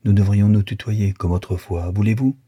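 Guy voicing an evasive young man, polite and mild, deep husky voice, dry audiobook sound. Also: fairly even intonation, normal speed, mellow, no echo. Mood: tender.

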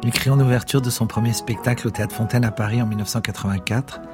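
A man narrating a documentary in a measured, formal manner. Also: mid-range voice, steady tone, over loud music.

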